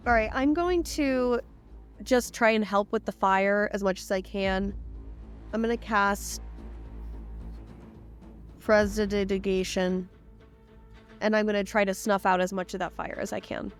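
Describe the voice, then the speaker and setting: A woman's voice: medium pitch, fairly even intonation, unhurried, long pauses, faint music behind. A woman playing a tabletop game, hesitant and thinking aloud with fillers. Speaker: player. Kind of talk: casual tabletop play.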